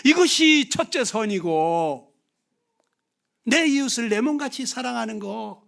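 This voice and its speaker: A man preaching a revival sermon, swinging from loud exclamations to hushed whispers and prodding the audience with questions. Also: extremely high pitch, lively intonation, measured pace, vocal fry. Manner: prods the audience with questions and tag words. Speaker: guest preacher at a revival meeting.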